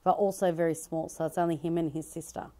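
Aussie woman in her 30s chatting in a dress shop, lowish voice, handheld mic, laughs a lot. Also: fairly even intonation, quick pace, mellow. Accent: Australian. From Australia. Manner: chatty, laughs easily, trailing restarts. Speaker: comedian and fashion designer. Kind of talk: casual interview answers. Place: bridal dress shop, indoors. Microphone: handheld mic held by interviewer.

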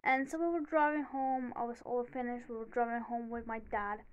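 A woman's voice: on the high side, steady tone, fairly quick, clear, resonant tone, highs cut off. A teenage girl vlogger telling a personal story in a casual, rambling way, full of "like" and "you know".

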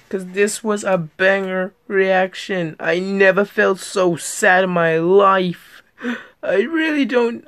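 A woman hosting a reaction video, speaking slowly and earnestly in casual commentary. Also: mid-range voice, no echo, clean studio sound. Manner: slow, earnest, plain-spoken.

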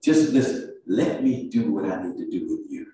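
A man's voice: lowish voice, lively intonation, moderate pace, mellow. A man preaching a sermon and altar call as pastor, with a Southern US accent and a rhythmic delivery that builds into sung, chanted calls. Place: church sanctuary, heard from afar. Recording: distant echoey church with piano. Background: organ or piano music under the preaching.

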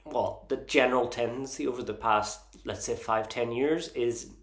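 A man with a mid-pitched, gravelly voice talks through his opinions in a casual vlog. He hesitates often with ums and restarts, yet stays earnest and openly enthusiastic. The room around him rings with a noticeable echo. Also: normal speed. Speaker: Eurovision vlogger ranking songs.

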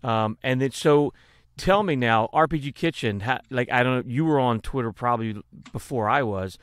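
This podcast host's medium-pitched voice comes across clear, resonant and a bit bright, at a moderate pace. He's on a video call using a desk mic, yet the sound is studio quality with no room sound. His questions ramble, full of jokes and restarts, in a casual interview chat.

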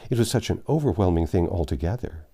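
A man in his sixties reads a classic novel aloud at home, sitting in a library with bookshelves and an armchair and wearing a lapel mic, raising his voice for the characters' lines in a storybook-style narration. His voice is low, dark and husky, expressive and quick.

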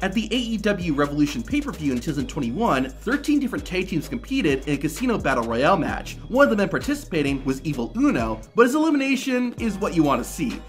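A man's voice: a little high, sing-song, quick pace, hardly any pauses. A man reading scripted narration for a wrestling countdown video. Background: music.

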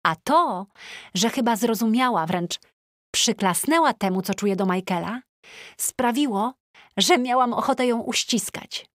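A woman narrating an audiobook in the first person with a chatty, lively teenage-diary tone, recorded on a close studio mic. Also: on the high side, measured pace, no room sound.

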